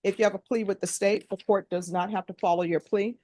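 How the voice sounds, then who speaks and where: A woman speaking as a judge in court, reciting formal legal questions in a brisk, procedural, authoritative courtroom manner. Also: medium pitch, fairly even intonation, warm tone, no echo. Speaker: judge presiding over a plea hearing.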